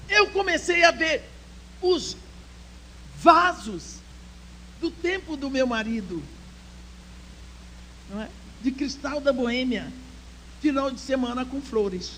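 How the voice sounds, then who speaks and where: An older woman recounts a personal story with feeling at a church women's conference, dropping to near-whispers and rising to exhort her audience. Her high-pitched, lively voice is slow with long pauses, and the low-quality recording carries a little hiss or hum.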